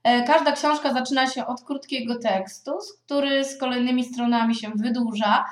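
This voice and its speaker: A woman in her thirties giving a spoken review of children's books as a parent, thoughtful and hesitant, often pausing on drawn-out filler sounds. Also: sits high, fairly even intonation. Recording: echoey room.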